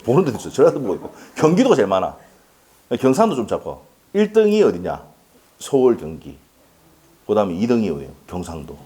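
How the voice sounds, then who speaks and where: A male lecturer teaching law in a classroom, in a relaxed, conversational tone. His pitch leaps up and drops low from phrase to phrase, full of rhetorical questions and quick laughs. He keeps checking in with the class as he goes. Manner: chatty, asks the class questions and answers them himself; laughs often and jokes with students.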